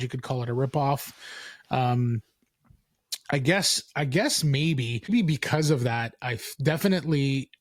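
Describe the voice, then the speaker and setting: A man hosting a podcast in casual chat, relaxed and filler-heavy, often restarting his sentences. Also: medium pitch, dry recording. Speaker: podcast host.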